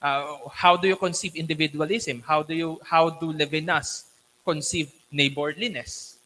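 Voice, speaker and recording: A man on a thesis panel, questioning critically in a deliberate, instructive academic manner. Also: fairly high pitch, fairly even intonation, sharp tone, a little hiss or hum. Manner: deliberate, instructive, frequently checking with "okay". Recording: echoey hall with long reverb.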